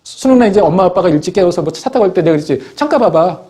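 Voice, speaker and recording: A middle-aged man lectures his students with a lively, swooping delivery that climbs high, often stumbling over his words and restarting. His tone stays mellow and soft-edged even as he acts out pupils and parents to drive his point home. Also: racing. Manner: animated, scolding, acts out students and parents in quoted voices. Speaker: teacher. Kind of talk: motivational classroom talk.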